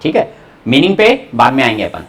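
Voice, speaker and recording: A man's voice: mid-range voice, huge pitch swings, creaky. A man teaching German pronunciation to a class in a Hindi-English mix, repeating each word for students to echo. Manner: repeats words slowly for students to echo, coaxing.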